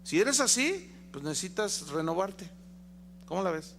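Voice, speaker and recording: A man's voice: high-pitched, very animated, a little slow, fairly bright tone, a little hiss or hum. A male pastor with a Mexican accent preaching a sermon, emphatic and full of rhetorical questions to the congregation. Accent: Mexican Spanish.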